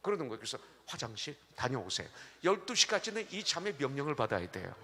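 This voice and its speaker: A middle-aged man preaches a revival sermon, spinning personal stories and acting out the voices of the people in them. His voice is bright and forceful and swings widely in pitch. The sound carries the long reverb of a church sanctuary, captured for a livestream. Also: rapid-fire. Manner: animated storytelling, acting out quoted voices. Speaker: pastor.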